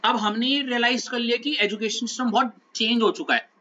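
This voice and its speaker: A man's voice: extremely high pitch, fairly even intonation, fairly quick, sharp tone, dull audio. A male teacher giving a conversational classroom talk, often checking that his students are following. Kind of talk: classroom talk, lecture digression.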